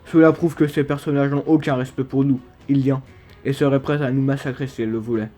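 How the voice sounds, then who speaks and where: A man with a dark, soft-edged voice and a clear lisp that makes his s sounds slushy and his words slurred. He narrates tongue-in-cheek gaming theories with mock gravity and emphatic phrasing, at a medium pitch. Music plays behind him. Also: fairly even intonation, fairly quick. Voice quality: lisp with slushy sibilants and slurred articulation, from a dental brace. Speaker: video game theory YouTuber. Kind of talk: humorous scripted theory narration. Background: background music.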